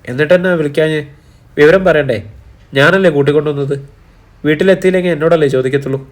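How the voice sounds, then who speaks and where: A man's voice: a little high, fast talker, close to an everyday voice. A man voicing a caring young senior student who teasingly chides a friend over the phone in an audiobook. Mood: chiding.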